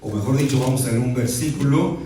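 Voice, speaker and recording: Pastor preaching in an echoey hall. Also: male voice, mid-range voice, fast, warm tone, far from the mic, slight background noise. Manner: peppers speech with "¿verdad?" and playful asides. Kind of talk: sermon. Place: church sanctuary.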